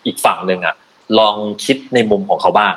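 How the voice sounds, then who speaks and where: A man's voice: deep voice, fairly quick, a bit bright. A man on a podcast as an HR guest, talking bluntly about work and acting out bosses in a casual chat. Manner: blunt, acts out bosses with laughs.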